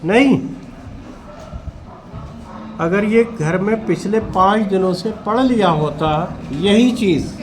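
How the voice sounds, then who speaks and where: Slow-speaking teacher in a classroom. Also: male voice, high-pitched, a little hiss or hum. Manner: calm, coaxing, addresses students by name. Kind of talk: invigilating a classroom test.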